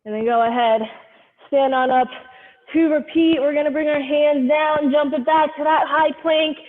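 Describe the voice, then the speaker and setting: A woman's voice: high voice, fairly even intonation, normal speed. A woman leading a live workout class over a headphone mic, cueing each movement step by step in a directive way. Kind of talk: live group exercise instruction. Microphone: headphone microphone. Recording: muffled lo-fi headset sound, long reverb.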